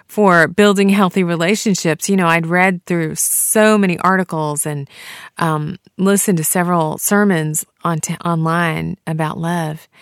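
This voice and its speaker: A woman hosting a solo devotional podcast, talking in a heartfelt, earnest way with soft laughs. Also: mid-range voice, dry recording, clean studio sound. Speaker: podcast host.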